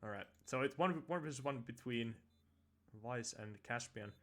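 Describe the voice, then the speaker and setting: A man giving casual, somewhat halting esports commentary over a video game match. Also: medium pitch, fairly bright tone. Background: in-game audio bleeding through.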